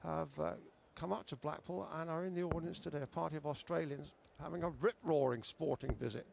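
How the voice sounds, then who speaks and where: A man's voice: a little high, steady tone, brisk, vocal fry, background noise. A man giving chatty, explanatory darts commentary as part of a broadcast.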